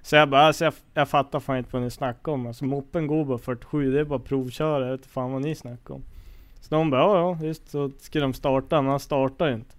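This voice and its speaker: A man's voice: mid-range voice, steady tone, hardly any pauses. A young man telling a story in casual chat, slangy and full of swearing.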